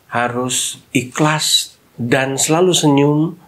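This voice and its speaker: A man in casual podcast chat, a hotel manager who tells animated stories and mixes English phrases into his talk. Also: mid-range voice, takes it slowly.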